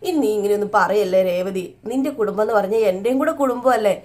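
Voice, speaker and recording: A woman voicing a loving young husband who gently reassures his wife. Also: medium pitch, fast talker, natural voice. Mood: reassuring. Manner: soothing, reassuring.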